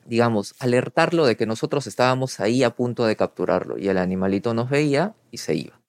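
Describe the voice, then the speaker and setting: A man's voice: medium pitch, lively intonation, quick pace, no echo, studio quality. A man who works as a veterinarian, explaining things in a matter-of-fact way in an interview. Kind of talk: recorded interview. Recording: faint music bed.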